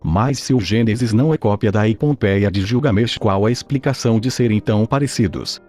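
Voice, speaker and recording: A man's voice: on the low side, a little fast, darkish tone, no echo. A synthetic, robotic male voice with a Brazilian accent, reading scripted explanatory narration. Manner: robotic, synthetic text-to-speech delivery.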